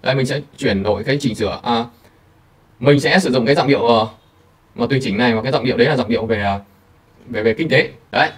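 A man hosting a screen-recorded software tutorial, talking casually to viewers with many fillers. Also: medium pitch, quick pace, recorded from a distance. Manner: chatty, filler-heavy, addresses viewers directly. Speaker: tutorial host.

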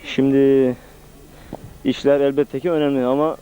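A man answering questions in an amateur football interview, with measured wording and hesitant pauses. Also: medium pitch, level tone, mellow, low-quality recording. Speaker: amateur football team member being interviewed. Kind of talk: pre- and post-match interview.

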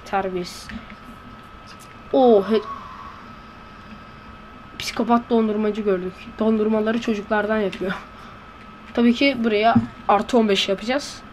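A woman giving let's-play commentary in a hushed voice, blurting excitable reactions and slang while playing. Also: on the high side, normal speed, pauses often, slight background noise. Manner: talking in a hushed voice. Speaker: gameplay commentator. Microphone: close to a desk microphone.

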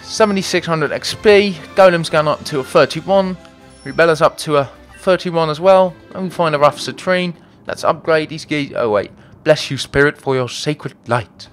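A man's voice: fairly high pitch, normal speed, few pauses, faint music behind. A man hosting a let's play video, chatting, thinking aloud, and joking at his own expense as he plays. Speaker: gaming video host.

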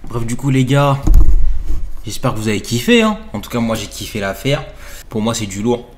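A man hosting his own video channel, wrapping up the video in a relaxed way and talking to viewers as "les gars". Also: mid-range voice, moderate pace, slight background noise. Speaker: YouTuber host. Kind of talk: casual video outro.

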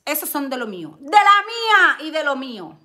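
Excitable woman live-streaming. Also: high-pitched, moderate pace. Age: middle-aged. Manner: excitable, exclaims often, bursts into loud laughter. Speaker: vlogger hosting a live stream. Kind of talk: casual live-stream chat reading viewer comments.

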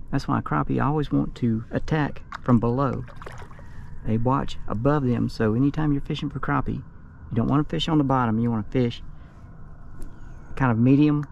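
A man's voice: mid-range voice, fairly even intonation, normal speed, vocal fry, pauses often, darkish tone, lo-fi sound, a little hiss or hum. A man vlogging his fishing trip from a kayak on a lake, explaining his technique in an easygoing way, recorded on a boat-mounted action camera. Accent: Southern American. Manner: easygoing, chuckles often, explains while fishing. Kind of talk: casual outdoor commentary. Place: kayak on flooded lake outdoors.

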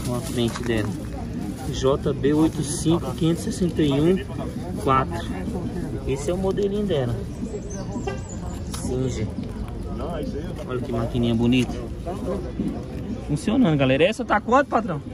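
A man's voice: medium pitch, lively intonation, moderate pace, pauses often, over a noisy crowd. A man, chatting upbeat to his phone camera and asking market sellers about prices. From Brazil. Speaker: vlogger. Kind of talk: casual vlog and market haggling. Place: inside a parked car, then an outdoor street market. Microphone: phone camera held at arm's length. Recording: loud street noise behind.

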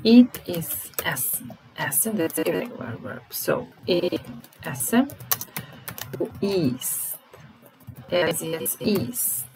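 A woman teaching German vocabulary, explaining in English and slowly repeating each word and verb form. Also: lowish voice, animated, poor audio. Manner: slow and deliberate, repeating each word and conjugating verbs. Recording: music playing under the voice.

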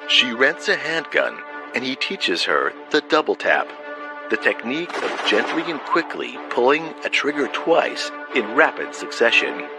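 A man reading a scripted true-crime documentary narration in a measured voice. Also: mid-range voice, sing-song, creaky. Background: documentary music.

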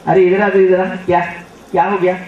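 A man's voice: high voice, flat delivery, a little fast, a little hiss or hum, natural voice. A man doing a scornful grieving ascetic king. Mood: scoffing. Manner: mocking, coarse. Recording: echoey, distant, dull hall recording.

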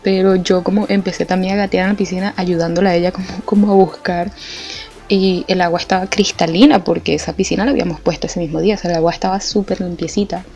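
A young Venezuelan woman telling a funny anecdote in a lively, colloquial way, laughing often. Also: fairly low pitch, fast talker. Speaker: art vlogger. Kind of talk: casual storytelling. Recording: slightly muffled with faint music. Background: faint background music.

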